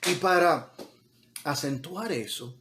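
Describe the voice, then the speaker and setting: A man's voice: a little high, takes it slowly, heavy background noise. A man preaching a sermon as pastor, talking conversationally with repeated words and building to emphatic peaks, mixing in English words.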